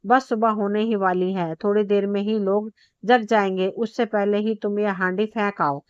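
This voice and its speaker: Woman voicing a greedy pompous merchant, bossy, grumbling, hushed and quiet, dull lo-fi sound. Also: mid-range voice, steady tone, normal speed, smooth, dry recording, lightly acted. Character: greedy pompous merchant, middle-aged man.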